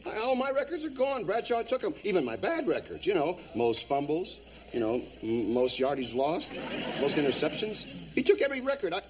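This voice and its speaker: An actor playing a touchy middle-aged retired football coach with wounded pride, who complains in a whiny, self-pitying way. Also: male voice, medium pitch, sing-song, fast talker, natural voice. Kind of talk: sitcom acting. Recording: sitcom recording with background noise.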